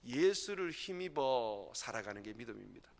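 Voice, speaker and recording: A man preaching a sermon as pastor, emphatic, with sudden loud, high bursts. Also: very animated, normal speed, creaky.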